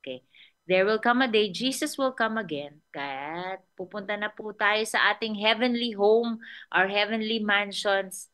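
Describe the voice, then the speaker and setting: A woman's voice: mid-range voice, a little slow, a bit bright, clean tone. A woman pastor with a Filipino accent giving a conversational sermon, often checking in with her listeners. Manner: conversational, mixing English and Tagalog, checks in with "okay?".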